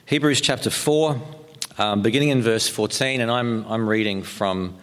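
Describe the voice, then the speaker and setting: A New Zealand pastor with a mid-range voice and a New Zealand accent delivers a sermon conversationally, halting often with ums and restarts. Long hall reverb surrounds his voice.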